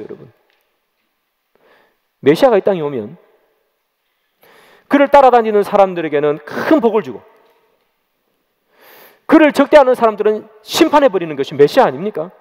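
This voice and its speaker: A man's voice: high-pitched, a little mellow. A man preaching a sermon as pastor, dramatic and questioning the congregation, acting out quoted voices. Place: church sanctuary. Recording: long church reverb.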